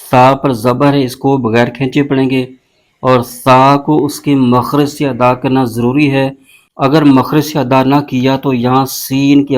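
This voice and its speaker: A man teaching a recitation lesson, explaining pronunciation rules and spelling out syllables slowly and deliberately. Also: mid-range voice. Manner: slow, drawn-out spelling of syllables between brisk explanations. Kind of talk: word-by-word tajweed lesson.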